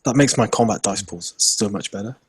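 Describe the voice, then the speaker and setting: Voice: mid-range voice, fairly quick, slightly rough, no room sound. A player at a tabletop role-playing game, making dry, sarcastic remarks about the dice.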